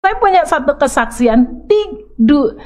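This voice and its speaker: A middle-aged woman preaching a sermon in a church, animated and acting out the voices she quotes. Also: high-pitched, normal speed.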